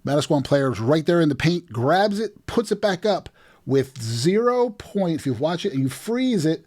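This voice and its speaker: A man's voice: fairly high pitch, normal speed. A middle-aged man from New Jersey hosting a sports video, walking through game footage play by play with emphatic, repeated phrases. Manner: animated play-by-play, emphatic restarts. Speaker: host breaking down game footage.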